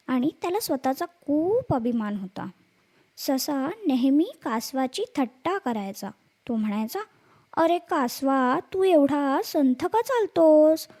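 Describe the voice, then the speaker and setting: A woman telling a bedtime story to children, speaking gently and addressing them directly as a storyteller. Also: high-pitched.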